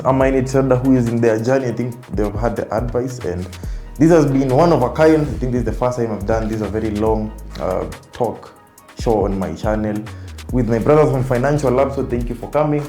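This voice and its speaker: A man's voice: mid-range voice, brisk, dark tone, echoey room, faint music behind. A man with a Kenyan accent hosting a casual round-table podcast, mixing Swahili into his English. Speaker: podcast host.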